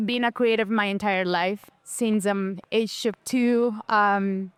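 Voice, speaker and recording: A woman's voice: medium pitch, clean tone, no room sound. A woman in her thirties from Colombia, an artist guest talking enthusiastically in a casual interview.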